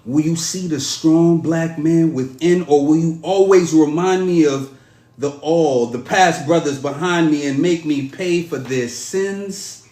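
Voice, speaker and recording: A man performing a spoken-word poem to a woman in a measured, dramatic, pleading delivery. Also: fairly high pitch, mellow. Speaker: podcast host performing a poem. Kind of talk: spoken-word poetry recital. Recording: roomy echo.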